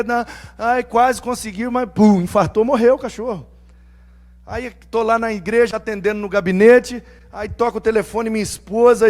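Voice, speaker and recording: Middle-aged man, pastor, very high voice; lively sermon storyteller who plays every character in his anecdotes. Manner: animated, acts out quoted dialogue in voices; humorous, self-mocking.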